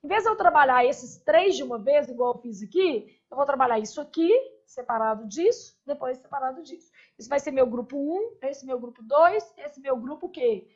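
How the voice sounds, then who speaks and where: A woman leads a classroom grammar lesson in a high voice. She stretches out each conjugated form and keeps checking in with the class through quick questions. The recording is dull and lo-fi. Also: expressive. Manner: spells out verb forms slowly, asks the class rhetorical questions. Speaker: Portuguese grammar teacher.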